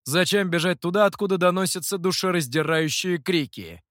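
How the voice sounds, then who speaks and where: Man doing a curt, irritable dark master. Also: high-pitched, normal speed, no echo, clean studio sound, voice pushed up. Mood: exasperated. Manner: curt and exasperated.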